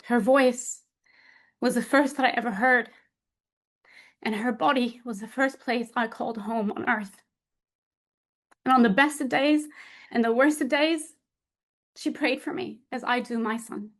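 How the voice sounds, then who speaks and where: A woman in her thirties telling a personal story as a heartfelt competition speech, with dramatic pauses. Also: a little high. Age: 30s. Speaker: public speaker.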